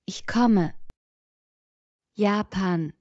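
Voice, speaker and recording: A woman slowly reading short sentence parts and single words aloud for language learners. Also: mid-range voice, a little mellow, no room sound, lo-fi sound. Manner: reads single words and short fragments one by one.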